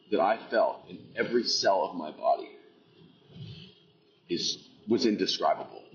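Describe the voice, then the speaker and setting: A man's voice: fairly low pitch, muffled recording, slight background noise. A man earnestly recounting a personal experience, intense and reflective, repeating phrases for emphasis.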